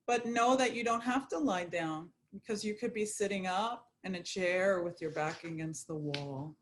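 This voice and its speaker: A woman guiding a yoga nidra meditation, speaking in a slow, soothing, prayerful way. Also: lowish voice, slight background noise. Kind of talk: guided meditation.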